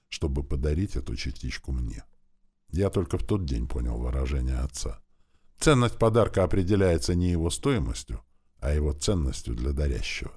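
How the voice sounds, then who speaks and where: A man reads a first-person fantasy audiobook with a deep, low voice. His narration is expressive and animated, with wide, lively swings in pitch. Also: husky.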